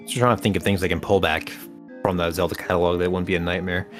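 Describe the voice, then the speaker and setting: Deep voiced guy ranting sarcastically on a podcast, cusses a bunch, faint music behind. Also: level tone, quick pace. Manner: sarcastic, swears often, laughs a lot. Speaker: podcast co-host. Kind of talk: casual chat.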